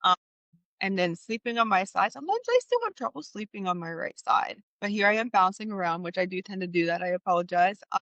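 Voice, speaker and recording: Brief: thirties mom guest, animated and laughing, crisp bright tone. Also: female voice, mid-range voice, quick pace, no room sound. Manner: animated, laughing, many restarts. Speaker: podcast guest. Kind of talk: candid storytelling chat.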